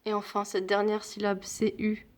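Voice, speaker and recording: A woman teaching a phonics lesson to young children, speaking deliberately and repeating each sound and example word. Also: mid-range voice, completely flat delivery.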